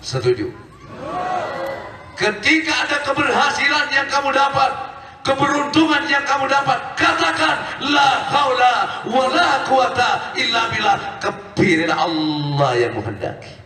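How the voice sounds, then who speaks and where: A man's voice: very high voice, sing-song, a little slow, crowd noise, noisy background. A man preaching a sermon to a congregation, emphatic, often firing questions at his listeners. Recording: echoey hall, distant mic.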